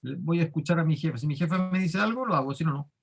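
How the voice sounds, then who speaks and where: A man's voice: a little high, animated, fast talker, creaky, slightly rough. A man with a Chilean accent teaches a leadership class. He explains step by step and keeps putting questions to the class. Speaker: workshop teacher.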